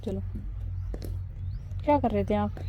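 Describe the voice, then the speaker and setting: A woman's voice: mid-range voice, takes it slowly, dark tone, soft background music. A woman vlogging outdoors, chatting casually and narrating what she sees to her phone camera. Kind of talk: casual vlog chat. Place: outdoors by a ground and trees.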